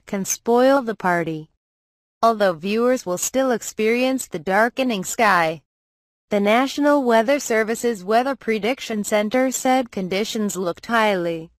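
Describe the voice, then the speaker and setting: A woman giving a measured, scripted news narration as a voice-over. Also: medium pitch, no room sound.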